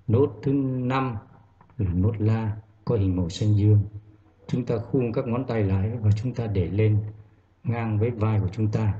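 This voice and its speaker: Male music teacher for young children, slow and patient, recorded lo-fi over quiet instrument backing. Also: lowish voice. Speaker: primary school music teacher. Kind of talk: classroom music lesson.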